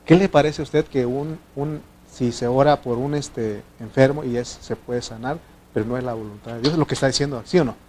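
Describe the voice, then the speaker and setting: Mexican pastor preaching with rhetorical questions. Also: male voice, brisk, a little hiss or hum. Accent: Mexican Spanish. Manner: conversational preaching with frequent rhetorical questions to the congregation; acts out quoted prayers and dialogue with sudden louder, higher bursts. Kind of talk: sermon.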